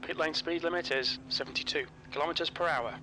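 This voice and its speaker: A man voicing a calm race spotter and crew chief who gives terse pit radio calls in clipped, flat phrases. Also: on the high side, fast talker, close to an everyday voice. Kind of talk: prerecorded game announcements. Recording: loud race engine noise. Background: racing car engines.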